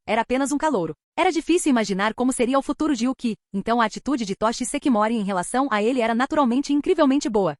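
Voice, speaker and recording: A woman narrating an audio novel in steady, even scripted storytelling. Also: on the high side, no room sound, studio quality.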